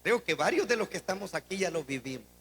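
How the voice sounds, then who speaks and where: A man preaching a dramatic sermon as pastor, swinging between shouts and quiet asides. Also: sits high, animated, fast, creaky, breathy edge. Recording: long hall reverb.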